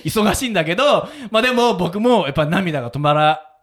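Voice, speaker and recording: Male radio host, casual chat, higher-pitched with a swinging, animated delivery, moved and laughing. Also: fairly quick. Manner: moved storytelling, often laughing. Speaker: radio show host and wedding photographer.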